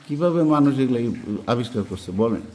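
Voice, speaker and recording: A man's voice: medium pitch, lively intonation, brisk, a little mellow. A man chatting casually while sightseeing, in short exclamatory remarks, recorded inside a cave. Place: small boat inside a low cave. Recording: noisy on-location cave recording.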